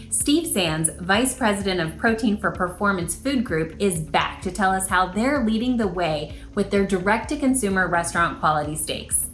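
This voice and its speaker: A young woman hosting a business interview program, introducing the guest and asking questions in a bright, scripted presenter delivery. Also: mid-range voice, echoey room. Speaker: host. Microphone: video call webcam.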